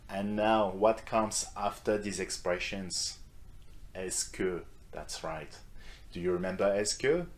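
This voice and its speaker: Man, low voice, language teacher, patient step-by-step explanations, models phrases to repeat. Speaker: French teacher. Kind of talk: online language lesson.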